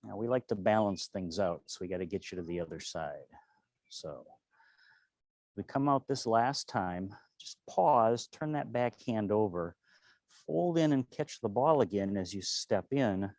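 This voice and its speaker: Man, lower-pitched voice, dry close sound, serene tai chi instructor, step-by-step movement cues. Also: animated, a little slow, darkish tone, dry recording.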